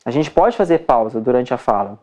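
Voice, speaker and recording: Teaching other doctors in a relaxed lecture, a Brazilian dermatologist speaks a bit fast with lively intonation and a medium, slightly mellow voice. He regularly checks in with "tá?" and "entendeu?" and changes his voice to act out examples.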